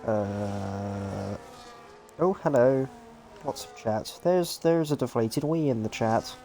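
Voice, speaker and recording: Excitable male sim racing commentator. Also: mid-range voice, slight background noise. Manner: excitable rapid play-by-play. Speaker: lead race commentator.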